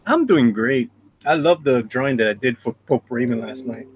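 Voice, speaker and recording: A man's voice: medium pitch, animated, normal speed, a little hiss or hum. Cheeky man teasing in chat. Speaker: artist guest. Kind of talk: casual chat.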